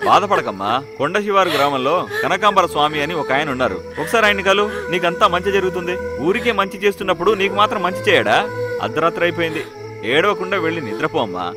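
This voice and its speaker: An actor playing a kindly village man who gently consoles and advises a weeping woman. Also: high-pitched, animated, fast. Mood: consoling. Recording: film soundtrack with music.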